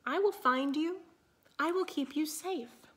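A gentle, caring shepherd , read aloud by a woman, calls out to reach a lost lamb. The voice rises a little above her usual register and carries clearly and reassuringly, as in a storybook read to children. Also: on the high side, sing-song, measured pace.

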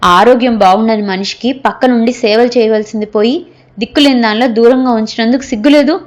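A woman's voice: mid-range voice, normal speed, natural voice. A woman voicing an angry young husband who hurls scornful insults at his wife. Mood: furious.

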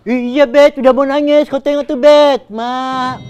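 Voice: high-pitched, fairly even intonation, a little slow, a little mellow, dull audio, soft background music. A speaker acting in a comedy sketch, teasing and mocking a friend.

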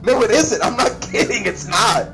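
A man's voice: high-pitched, lively intonation, normal speed, sharp tone, faint music behind. A man playing along in a game, joking, complaining and protesting his innocence. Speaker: co-player. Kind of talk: casual gaming banter.

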